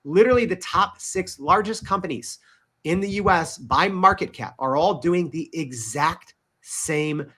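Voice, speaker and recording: A man's voice: fairly high pitch, animated, measured pace, fairly bright tone. A man speaking as a podcast guest in an interview, emphatic and peppering his talk with "right?" and "you know". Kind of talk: interview conversation.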